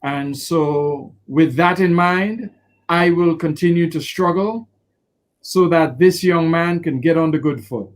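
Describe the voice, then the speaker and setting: Expressive male lawyer, high-pitched, animated interview delivery. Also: unhurried. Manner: expressive, acts out quotes with laughter. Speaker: defense lawyer.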